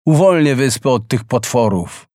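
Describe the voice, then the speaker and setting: A man's voice: medium pitch, expressive, moderate pace, darkish tone, dry recording, studio quality, close to an everyday voice. A man voicing a brave young sailor in a storybook reading, speaking boldly and with determination. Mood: determined. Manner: bold, determined storybook dialogue.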